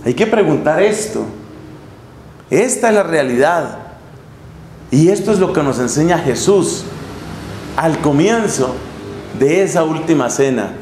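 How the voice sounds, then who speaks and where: Middle-aged friar, high voice, sermon in an echoey room with faint hum. Lively storyteller. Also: male voice, a little slow, long pauses. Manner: lively storytelling, acts out scenes with humor. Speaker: friar preacher. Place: chapel in a monastery.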